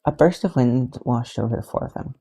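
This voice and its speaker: A podfic reader narrating fan fiction in an even, steady read. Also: mid-range voice, fairly quick, husky, low-quality recording.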